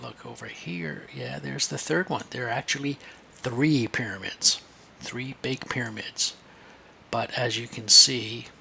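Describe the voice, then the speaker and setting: A man's voice: mid-range voice, creaky, pushed and bright, a little hiss or hum. A man teaching a screen-share lesson for kids, chatty and thinking aloud as he points things out.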